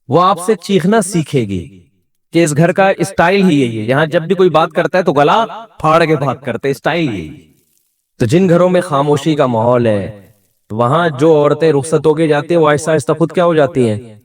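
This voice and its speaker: Animated middle-aged man giving a religious talk. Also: fairly high pitch. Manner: animated, humorous, asks the audience questions; acts out quoted voices within the talk. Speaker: Islamic scholar giving a talk. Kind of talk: conversational religious lecture.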